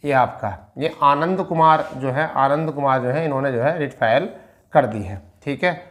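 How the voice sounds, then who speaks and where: An educational video presenter with an Indian accent talks through an on-screen document in an informal way, repeating himself, answering his own questions, and mixing in English terms. His voice is medium in pitch and a bit bright, at a normal speed.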